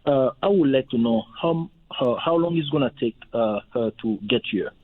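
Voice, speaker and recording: Guy calling in for advice, halting and unsure, thin phone audio. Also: mid-range voice, no echo. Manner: hesitant, halting. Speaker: caller to a call-in show. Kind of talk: asking for advice on a live call. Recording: narrow, tinny phone line.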